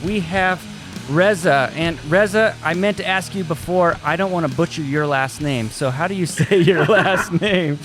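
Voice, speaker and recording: A man co-hosting a church podcast in casual, animated chat, laughing often. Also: on the high side, normal speed, music in the background. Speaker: podcast co-host.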